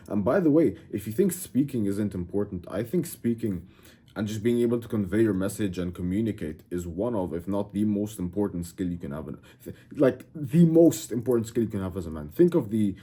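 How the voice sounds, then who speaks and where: An Egyptian self-improvement YouTuber whose first language is Arabic talks casually straight to camera, brash and emphatic, often saying "bro." His voice is on the low side, warm and husky.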